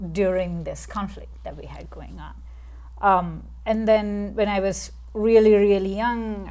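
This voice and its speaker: A woman in her forties from Sri Lanka, a guest in an interview, speaking in a soft, reflective way with many pauses and fillers. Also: on the low side. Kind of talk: casual interview.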